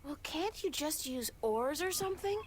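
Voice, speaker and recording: April, a curious heroine. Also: female voice, high voice, lively intonation, normal speed, slight background noise. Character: curious young woman, sharp-tongued heroine. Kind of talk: video game voice acting.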